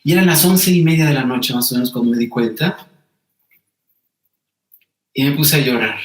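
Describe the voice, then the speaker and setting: A man's voice: medium pitch, moderate pace, background noise. A man, telling a personal story as an interview guest in an earnest, emotional manner with frequent repetitions. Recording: roomy echo.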